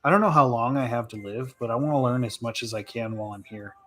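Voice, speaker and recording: A man streaming live and answering viewer questions in a relaxed, rambling way, thinking aloud with plenty of fillers and laughs. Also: medium pitch, fast talker. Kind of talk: casual live chat.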